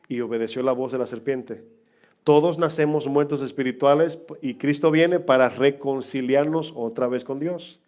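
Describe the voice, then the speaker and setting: With a medium-pitched, darkish voice, a middle-aged man preaches a sermon in church, engaging the congregation with jokes and questions.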